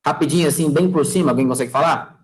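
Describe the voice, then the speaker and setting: In a rough recording, a man whose voice is on the high side teaches English at a quick pace with a Brazilian Portuguese accent. Easygoing and talkative, he keeps checking in with "tá?" and "fechou?" and uses folksy sayings as he goes.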